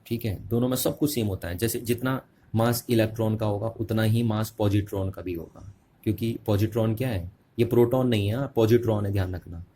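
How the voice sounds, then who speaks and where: A man teaching a physics lesson, asking questions and answering them himself, slowing down to dictate notes. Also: fairly low pitch, warm tone, a little hiss or hum. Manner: slows to dictate notes word by word. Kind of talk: classroom-style physics lecture.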